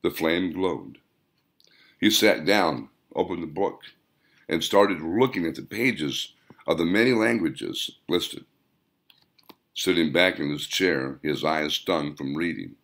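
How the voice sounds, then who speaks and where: An author reads his own audiobook, a scripted story told in a dramatic, descriptive way. His voice is low-pitched and fairly bright in tone, and he takes it slowly.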